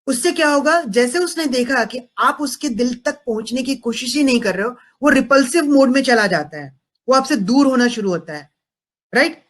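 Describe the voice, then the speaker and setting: A man's voice: very high-pitched, moderate pace, fairly bright tone. A man giving a parenting talk to an audience. He switches between Hindi and English and keeps checking in with the listeners. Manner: mixes Hindi and English, keeps asking "am I right?". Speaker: parenting coach.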